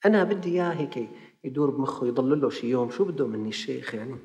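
Male Levantine preacher, quick and animated, acts out his stories, recorded with a lingering hall reverb. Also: mid-range voice, lo-fi sound. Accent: Levantine Arabic. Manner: animated storyteller acting out dialogue. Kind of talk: sermon lesson with storytelling.

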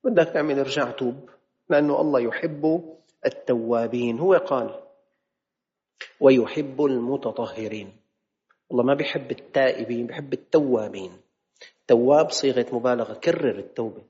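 A man's voice: mid-range voice, moderate pace, long pauses, dark tone. A man gives an emphatic religious lesson in a mosque hall. He draws out his quotations and keeps posing rhetorical questions. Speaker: preacher. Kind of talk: religious lesson in colloquial speech. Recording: reverberant hall, slightly dull sound.

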